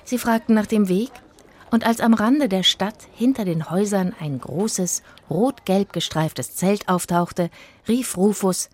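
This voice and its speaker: A woman's voice: mid-range voice, measured pace. Woman narrating a children's story. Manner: lively, voices each character.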